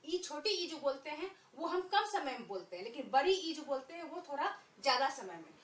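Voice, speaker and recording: A woman's voice: high voice, sing-song, a little fast, recorded from a distance. A woman teaching a lesson to children, patiently repeating points and drawing out vowel sounds. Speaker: Hindi teacher. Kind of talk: online Hindi lesson for children. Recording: echoey room, voice a bit off-mic.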